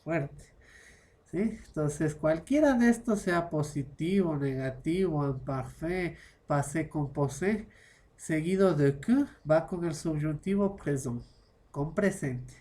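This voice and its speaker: This French grammar teacher speaks slowly, his fairly high, darkish voice moving with lively intonation. He explains in one language, shifts into French for examples, and checks understanding again and again with quick "¿ya?" and "¿no?" tags.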